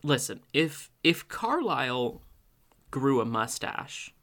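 A man co-hosting a casual podcast chat, playful and quick to riff, with frequent stammered restarts. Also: medium pitch, sing-song, fairly bright tone. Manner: playful, riffs in silly voices, stammers on restarts. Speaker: podcast co-host.

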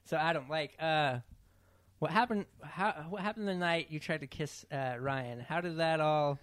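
A man's voice: a little high, moderate pace, fairly bright tone, no room sound. A man hosting a casual, crude podcast chat, his speech slightly impeded by braces, joking and swearing and often saying dude. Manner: jokey, swears often, says dude constantly. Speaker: podcast host.

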